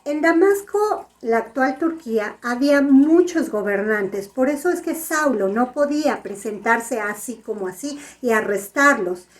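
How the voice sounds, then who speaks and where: A woman telling a Bible story to children, gently asking them questions as she goes. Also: a little high, expressive, unhurried, hardly any pauses. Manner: gentle, asks the kids "¿sabes?".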